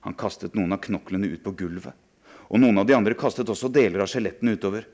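A man reading aloud an excerpt from a novel, in a hushed, dramatic storytelling manner. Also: lowish voice.

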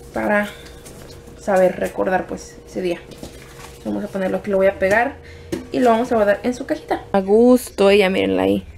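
A woman's voice: mid-range voice, vocal fry, darkish tone. Chatty young mother vlogging at home. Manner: chatty, rambling with fillers and restarts. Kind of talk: casual daily vlog.

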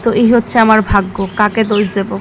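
A woman's voice: medium pitch, level tone, fast, noisy background. A young woman chatting casually to her viewers in a home vlog while she cooks in a small kitchen. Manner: chatty, talks straight to viewers while cooking. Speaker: vlogger.

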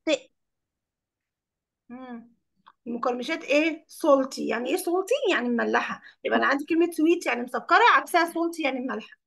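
A woman with an Egyptian Arabic accent teaches English words in a classroom lesson. She explains each term in Arabic and keeps questioning her pupils. Her voice sits high, with a gravelly edge. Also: animated, fairly quick, a bit bright.

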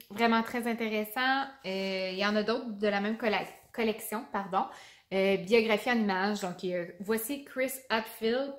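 Québécois woman teacher, young, chatty enthusiastic book vlog, roomy echoey sound. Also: a little high. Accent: Québécois French. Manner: chatty and enthusiastic, stumbles on names. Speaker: teacher reviewing children's books. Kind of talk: casual book review vlog. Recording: roomy echo.

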